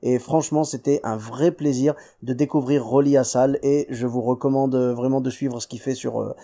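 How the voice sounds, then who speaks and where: Chatty podcast host with a mellow voice. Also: male voice, mid-range voice, steady tone, moderate pace, dry recording, clean studio sound. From Morocco. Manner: friendly, chatty, many fillers. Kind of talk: casual podcast chat.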